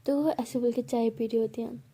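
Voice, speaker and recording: A woman's voice: a little high, fairly even intonation, brisk, warm tone, slightly rough. A woman telling a love story aloud in a chatty, casual storytelling way. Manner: chatty, repetitive story narration.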